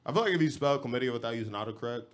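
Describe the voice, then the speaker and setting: A young man from Los Angeles performing a stand-up comedy set on a club stage, talking in a casual, slangy, deadpan way. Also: medium pitch, rapid-fire, a little hiss or hum.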